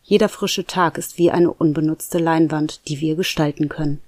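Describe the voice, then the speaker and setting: A narrator voicing a calm wise roommate. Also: medium pitch, moderate pace, dry recording, lightly acted.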